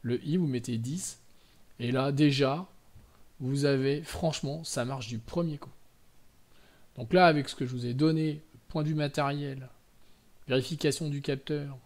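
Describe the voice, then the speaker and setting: A man's voice: mid-range voice, steady tone, normal speed, pauses often, darkish tone. Chatty French man explaining drone settings. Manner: chatty, many fillers and self-corrections. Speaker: drone tutorial host. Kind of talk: casual screen-recorded tutorial. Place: indoors at home.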